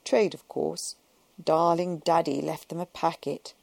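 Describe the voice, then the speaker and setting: A woman's voice: low voice, steady tone, unhurried, gravelly, a little mellow, no room sound, full character voice. A woman reading the part of a languid, luxurious society woman who gossips in an imperious drawl. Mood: catty drawl.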